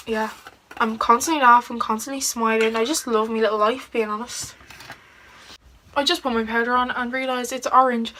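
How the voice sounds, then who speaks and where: A teenage Irish beauty vlogger chats casually through a get-ready-with-me video, answering questions about herself in a slightly high, bright, forceful voice. She's giggly and leans on "like" a lot, and the poor recording carries a little hiss or hum.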